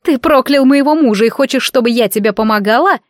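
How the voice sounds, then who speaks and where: A woman's voice: high voice, quick pace, no room sound, voice pushed up, lightly acted. An imperious sorceress mother who snaps out her conditions in a raised, clipped voice, as a woman reading the story gives her lines. The sound is close and dry, with no room around it. She talks like a queen granting favors. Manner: curt and imperious. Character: proud, sharp-tongued mother, a woman sorceress.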